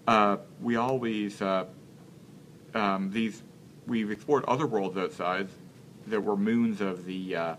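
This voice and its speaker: A man in his thirties, an interview guest speaking in a casual live-stream chat, earnest and halting as he searches for words. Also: on the low side, steady tone, fairly bright tone, a little hiss or hum. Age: 30s.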